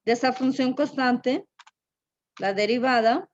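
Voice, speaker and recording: A woman teaching a math lesson, unhurried and thinking aloud, often checking in with a quick tag question. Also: sits high. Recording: dull lo-fi recording.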